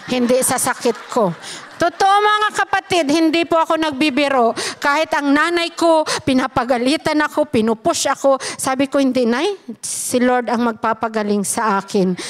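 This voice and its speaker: This is a high-voiced Filipino woman testifying earnestly before a congregation. Her tone is emphatic, and "brothers and sisters" comes up often as she speaks to them.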